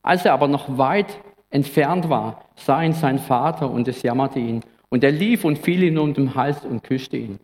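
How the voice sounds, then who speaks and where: A man's voice: mid-range voice, a little mellow, in a large hall. A male pastor giving an earnest, reflective Christmas sermon in a church, at times speaking casually. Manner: earnest, reflective, sometimes conversational.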